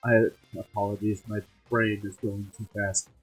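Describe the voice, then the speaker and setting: A woman streamer reading a game's dialogue aloud, often stumbling and restarting her lines. Her voice sits very low with a husky edge, and soft game music plays underneath. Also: flat delivery, normal speed.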